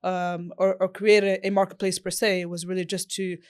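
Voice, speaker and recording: Smooth-voiced woman guest from Morocco. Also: fairly low pitch, flat delivery, brisk, darkish tone. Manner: fluent, thoughtful, with frequent fillers. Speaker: business founder, guest. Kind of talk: interview answers.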